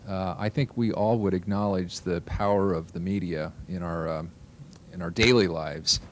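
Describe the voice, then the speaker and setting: A man, a school administrator, speaking slowly and emphatically in an interview. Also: sits low, a little hiss or hum. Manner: slow, deliberate, emphatic. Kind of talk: interview answer.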